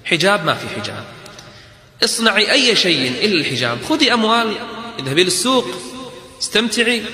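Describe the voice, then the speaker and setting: A stubborn mother insistently brushes off her daughter, voiced by a preacher during a sermon. Her lines come a little higher than average, bright and forceful. The sound reverberates through a big hall. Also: sing-song, fast talker, full character voice. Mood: dismissive. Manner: dismissive, insistent. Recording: echoey hall with long reverb.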